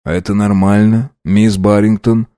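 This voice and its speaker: A man playing a weary, dying male doctor who speaks slowly and quietly to comfort his patients. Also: on the low side, flat delivery, no echo, clean studio sound, lightly acted. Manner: slow, quiet, gently comforting.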